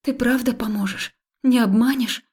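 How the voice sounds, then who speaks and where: A desperate young heroine, read by a woman narrating a fantasy audiobook, pleading urgently. Her voice is raised higher and louder than the narration and carries a gravelly creak. Every line presses with emotion. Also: fairly even intonation, moderate pace. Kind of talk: audiobook character voice.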